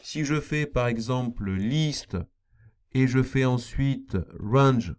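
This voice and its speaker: A man's voice: medium pitch, takes it slowly, darkish tone, smooth. Man explaining code step by step. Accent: non-standard accent he apologizes for. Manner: explanatory, repeats key points with fillers. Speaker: math teacher. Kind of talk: screen-recorded programming lesson.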